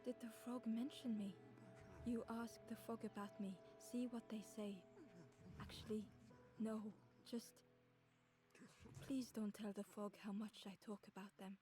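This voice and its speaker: Storybook game narrator played by a woman, mid-pitched, gentle and wistful, prominent music underneath. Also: little pitch movement, a little slow, natural voice. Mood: musing, confiding. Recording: music behind the voice.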